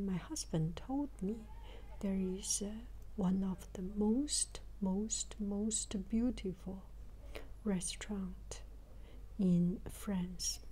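In poor audio, an older woman travel vlogger gives a reflective, halting narration, repeating phrases as she gropes for words. Her voice is breathy and whispery, mellow, and medium in pitch.

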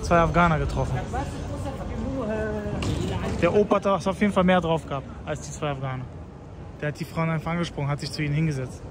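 At night, a man in his thirties from Tajikistan walks through a city square and station, camera held at arm's length, chatting casually to his viewers. His voice is on the high side and he talks fast, with long pauses, against loud city street noise.

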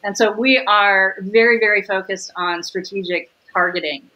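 A middle-aged woman talking upbeat and fast on a video call, laughing easily as she explains her business. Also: medium pitch, fairly even intonation, sharp tone, dull audio. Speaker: catering sales executive, guest. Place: home room with windows.

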